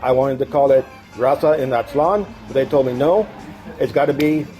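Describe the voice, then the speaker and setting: A man's voice: mid-range voice, normal speed, warm tone, soft background music, rough recording. Playful man hosting a comic street report. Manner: hammy announcer tone in the intro, loose with fillers when interviewing. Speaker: writer and roving reporter. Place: taco shop.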